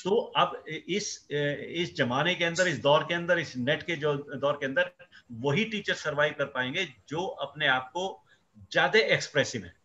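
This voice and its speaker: Emphatic male professor, bright lo-fi voice. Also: fairly high pitch, measured pace. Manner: emphatic, mixing Hindi with English phrases. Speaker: microbiology professor. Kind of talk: explanatory interview talk. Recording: dull lo-fi sound.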